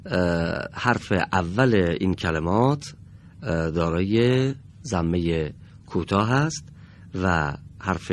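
A man teaching Quran recitation on a broadcast lesson from a studio. He speaks slowly and patiently, modelling each sound for students to repeat. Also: deep voice, a little hiss or hum.

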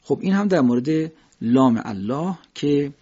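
Man, recitation teacher, husky voice, slow drawn-out examples, muffled lo-fi sound. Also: on the high side, lively intonation, warm tone. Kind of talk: instructional explanation with recited examples. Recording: dull lo-fi recording.

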